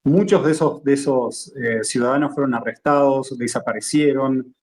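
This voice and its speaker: In an interview conversation, a journalist guest from Argentina with an Argentine Spanish accent explains things at length, checking in with "¿sí?". His mid-range voice is a little mellow and moves at a moderate pace.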